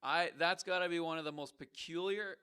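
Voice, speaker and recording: Male call-in host, slightly high, bright and forceful, dry teasing banter. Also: a little fast, clear, resonant tone. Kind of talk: casual call-in show hosting.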